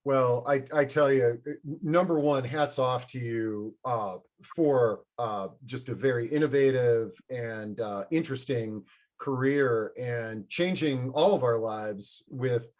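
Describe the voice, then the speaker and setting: Mid-pitched man hosting an informal interview. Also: slow. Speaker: interview host.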